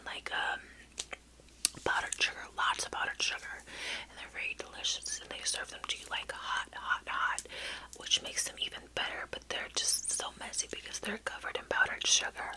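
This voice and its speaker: A middle-aged woman whispering a rambling, hesitant ASMR story close to the mic while chewing gum. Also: rough recording. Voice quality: soft unvoiced whisper. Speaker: ASMR vlogger.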